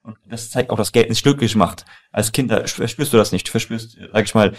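A young man from Germany, born in Iran and raised in Mannheim, speaks in a lowish voice at a fairly quick pace. As co-founder and co-host, he tells personal stories casually and emphatically, using colloquial language and speaking straight to the listener.

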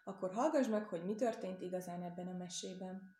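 A woman voicing a gentle, patient old man who tells stories, speaking softly and explaining. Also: fairly low pitch, reverberant, close to an everyday voice.

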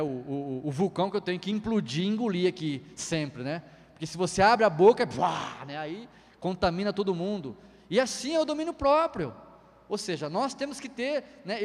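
A middle-aged man preaching a sermon in a chatty way, firing rhetorical questions and tagging lines with 'né'. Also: high-pitched. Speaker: pastor. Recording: long hall reverb.

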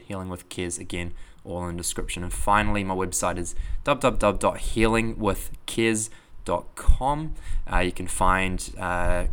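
This podcast outro comes from a young Kiwi host and coach whose low voice has a fairly bright, clear, resonant tone. He talks casually, with plenty of fillers and false starts.

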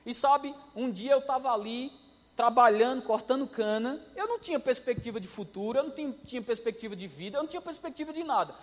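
High-voiced preacher man in a reverberant hall. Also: fast talker. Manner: animated storytelling, acting out voices. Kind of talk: sermon.

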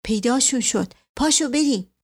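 A woman's voice: high-pitched, expressive, breathy edge, pitched above the performer's own voice. A woman voicing an urgent, secretive village man.

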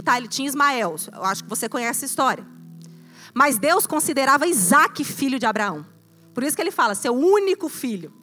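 High, bright-voiced woman preaching. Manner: animated preaching, addressing the congregation as "irmão". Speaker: pastor. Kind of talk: sermon. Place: church service held in a cinema.

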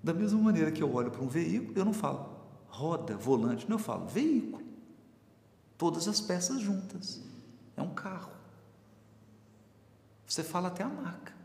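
A man's voice: a little high, very animated, moderate pace, gravelly, pauses often, a little mellow. A man teaching a Bible study, explaining with everyday examples and asking his listeners questions. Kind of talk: spiritual teaching talk. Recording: echoey hall with faint room noise.

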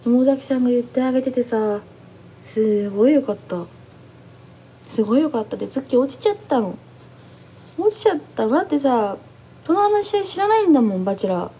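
A young woman chatting excitedly as she recaps a reality show, animated and acting out what people said. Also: fairly high pitch, a little fast, pauses often, slightly rough. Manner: gushing, animated, acts out quotes. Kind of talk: excited casual recap chat.

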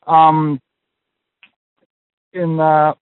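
Male interview guest, higher-pitched, hesitant with lots of restarts and English mixed in, phone-line quality. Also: completely flat delivery, clear, resonant tone, no room sound. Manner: halting, many restarts, mixes in English phrases. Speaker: guest sharing his personal budgeting story. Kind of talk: casual interview chat.

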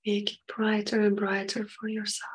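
Speaking in a monotone at medium pitch, a woman improvises a guided meditation. Her phrases are short and halting, and her breathy delivery occasionally approaches a whisper.

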